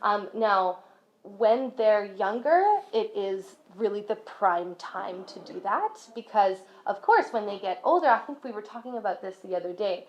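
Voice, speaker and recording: A woman's voice: mid-range voice, lively intonation, moderate pace, slight background noise. A woman from a school's language program talking casually to parents in a friendly, chatty way. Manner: friendly, chatty, many fillers. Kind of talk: casual presentation talk. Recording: dull lo-fi recording.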